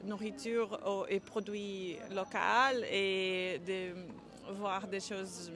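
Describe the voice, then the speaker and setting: A woman from Brazil, answering a street interview haltingly as she searches for words. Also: mid-range voice, little pitch movement, a crowd in the background. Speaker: interviewee, tourist.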